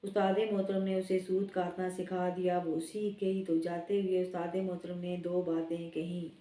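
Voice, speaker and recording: A woman narrating a scripted story in a steady, measured reading. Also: lowish voice. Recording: roomy, distant mic.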